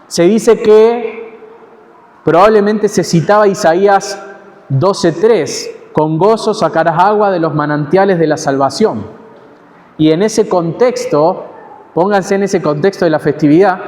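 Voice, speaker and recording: A man with an Argentine accent preaching an expository sermon in a measured, teaching way, pausing and correcting himself now and then. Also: sits high, darkish tone. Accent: Argentine Spanish. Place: church hall. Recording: long church hall reverb.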